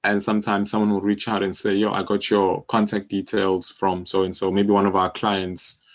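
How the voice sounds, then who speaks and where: In a conversational interview, a South African-accented music publisher in his thirties describes his job informally, with frequent "you know"s. His lowish voice is completely flat, at a moderate pace.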